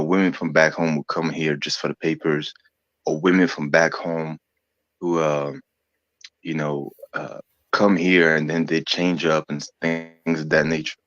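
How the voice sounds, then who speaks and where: Deep-voiced hesitant man, dull dry sound. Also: fairly bright tone, dry recording. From France. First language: not English. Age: 30s. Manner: searching for words, hesitant with fillers. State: sick, coughing. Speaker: podcast guest. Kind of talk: casual chat.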